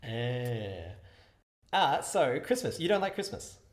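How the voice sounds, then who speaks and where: A man's voice: mid-range voice, very animated, slow. Guy, podcast co-host, teasing and chatty, heavy big-hall echo from an empty hallway over a video call. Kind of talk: casual chat. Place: dark empty school hallway, indoors. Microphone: Skype video call.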